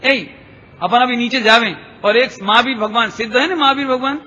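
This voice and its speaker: A man giving a devotional lecture, chanting scripture verses slowly and explaining them with questions put to the listeners. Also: extremely high pitch, pushed and bright. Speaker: Jain preacher. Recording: dull lo-fi recording in a reverberant hall.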